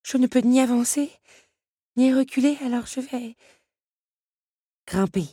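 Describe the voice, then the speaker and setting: Lady voicing a scared young woman in a storybook, breathless, yelps high and loud, kinda husky. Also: a little slow, dry recording, clean studio sound. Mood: determined. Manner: breathless, panicky, high-pitched cries. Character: frightened young woman fleeing stone lions. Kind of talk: storybook reading.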